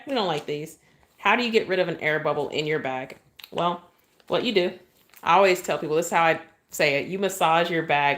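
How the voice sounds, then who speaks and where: A chatty woman, demonstrating cake decorating on a live stream and often thanking her viewers. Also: lowish voice.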